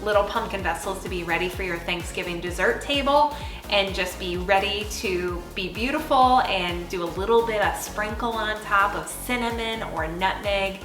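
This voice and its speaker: A bubbly, chatty woman hosts a cooking demonstration in a kitchen. Her voice rings in an echoey room, and loud music plays underneath. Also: mid-range voice, normal speed. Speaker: cooking show host.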